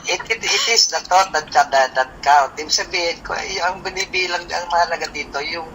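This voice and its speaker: A man on a video call speaks in a bright, fairly high voice. He explains things hesitantly and keeps restarting his sentences. Faint noise hangs under the line. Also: moderate pace, rough recording. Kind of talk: casual video call chat.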